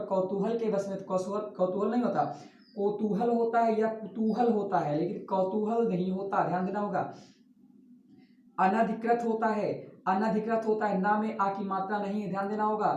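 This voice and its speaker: A male teacher gives a spelling lesson for exam students, repeating each word slowly to drill its correct form. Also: high-pitched, darkish tone, a little hiss or hum. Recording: roomy, distant, dull lo-fi classroom recording.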